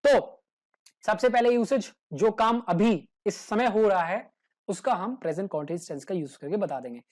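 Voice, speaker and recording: A man explains English grammar as a teacher in an easygoing, humorous way. He acts out small everyday dialogues to make his examples clear. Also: high voice, moderate pace, darkish tone. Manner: casual and joking, acts out little everyday dialogues.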